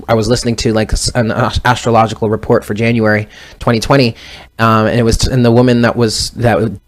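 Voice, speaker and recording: A man in his thirties giving a casual tarot reading, rambling and often correcting himself mid-sentence. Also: medium pitch. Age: 30s. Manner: rambling, self-correcting, conversational. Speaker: tarot reader.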